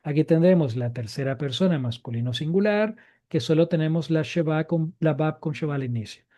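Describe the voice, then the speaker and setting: A man's voice: a little high, brisk, dark tone. A man teaching a live Biblical Hebrew grammar class, explaining patiently and repeating each key point.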